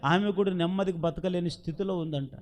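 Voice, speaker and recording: A man's voice: high voice, fairly even intonation, a little fast. A man with a Telugu accent preaching a sermon as pastor, asking the congregation questions and acting out the voices in the story he tells. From India. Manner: preaching with rhetorical questions, acting out quoted dialogue.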